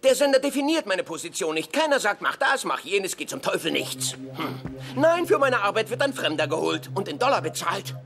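A man's voice: high voice, very animated, brisk, creaky, a bit bright, faint music behind, exaggerated voice. A man dubbing a frustrated, self-pitying show host who feels powerless. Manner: whiny, agitated. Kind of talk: dubbed telenovela.

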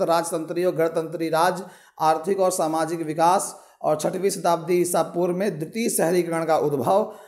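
A man's voice: a little high, darkish tone. A male teacher walking students through an exam syllabus, answering his own questions and telling them what to underline. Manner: explains with rhetorical questions and repeated reminders to underline. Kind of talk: syllabus walkthrough lecture.

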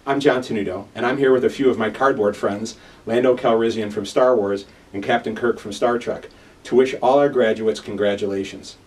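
Low-voiced jokey man, distant mic. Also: steady tone, a little fast, a little mellow. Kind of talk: recorded congratulatory message.

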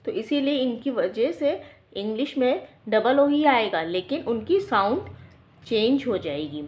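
A woman's voice: a little high, lively intonation, a little slow, darkish tone. A woman teacher explaining a phonics lesson to other teachers, stretching words out to demonstrate long and short vowel sounds in a patient, explanatory way.

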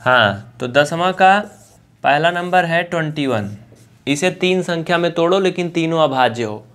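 A man from India teaching an online maths lesson, chatty and coaxing, repeating points slowly and mixing in English textbook terms. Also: fairly high pitch, expressive, a bit bright.

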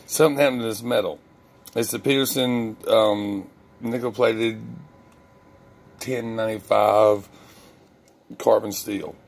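A man's voice: lowish voice, fairly even intonation, unhurried, creaky, long pauses. A man talking casually to the camera about his hobby, rambling with lots of ums and restarts and poking fun at his own mistakes. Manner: self-deprecating and candid. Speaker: lock-picking hobbyist vlogger.

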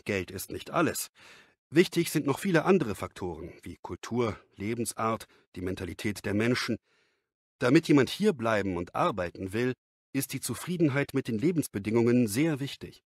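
A man reading the part of an expert being interviewed in a scripted lesson dialogue, measured and explanatory. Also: mid-range voice, animated, slightly rough, no echo, studio quality.

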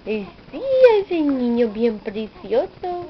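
A woman's voice: a little high, lively intonation, takes it slowly, slight background noise. A woman coaxing a baby in sing-song baby talk, repeating little words over and over. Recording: dull lo-fi home video.

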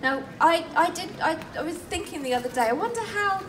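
A woman's voice: very high-pitched, expressive, fairly quick. An English woman and nutritionist giving a live cooking demonstration at an outdoor festival stall, chatty and explanatory with many ums and restarts. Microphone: filmed from the crowd by a far camera. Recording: distant voice through PA with outdoor noise.

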